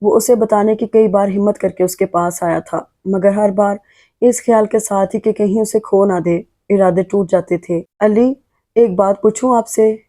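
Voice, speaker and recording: Warm, mellow woman narrating a novel. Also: mid-range voice, steady tone, moderate pace. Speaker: audiobook narrator. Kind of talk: scripted narration of a romance novel.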